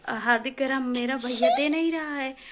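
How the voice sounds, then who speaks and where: A woman's voice: high voice, normal speed, fairly bright tone. Chatty mother telling a home story. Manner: chatty, recounting a household scuffle with a laugh. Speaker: mother and vlogger. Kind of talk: casual storytelling to camera. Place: home, indoors.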